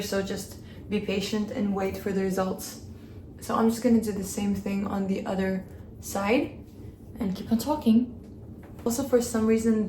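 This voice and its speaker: Working on a hair tutorial, this woman from Kazakhstan keeps up a chatty, open conversation as a beauty vlogger. Her mellow, mid-range voice fills a home room in Hong Kong that's echoey, with faint ambience and slight background noise.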